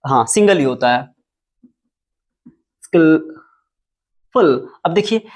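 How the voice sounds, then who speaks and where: A man teaching English at a whiteboard who explains step by step, spells words out letter by letter and repeats them slowly. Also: sits high, animated, a little mellow. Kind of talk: whiteboard lesson. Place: classroom with whiteboard.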